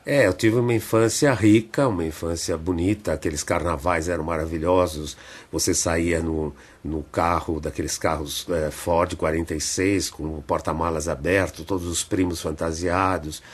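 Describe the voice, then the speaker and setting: An older man tells stories slowly in a radio studio, often checking in with small tag questions. His voice sits low and sounds husky. He talks like a seasoned theatre man looking back. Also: steady tone. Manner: unhurried reminiscing, frequent tag questions. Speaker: theatre director, interview guest. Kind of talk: reflective storytelling in a radio interview.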